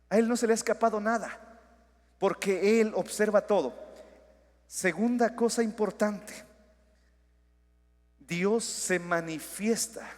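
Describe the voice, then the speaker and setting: A man preaching a sermon, his voice pitched high for a man. He swings between loud, emphatic declarations and hushed asides. The sound trails off in the long reverb of a church hall. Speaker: pastor. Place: church sanctuary.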